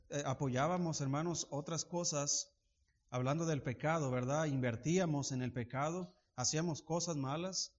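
A man preaching a sermon as a pastor, addressing listeners as brothers and asking frequent rhetorical questions. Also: on the high side. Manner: builds to louder emphatic preaching.

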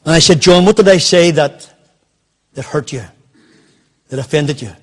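A man's voice: fairly high pitch, moderate pace, a bit bright. An older man, telling a personal story in a sermon and quoting the people in it. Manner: anecdotal, quoting others in dialogue. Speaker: preacher.

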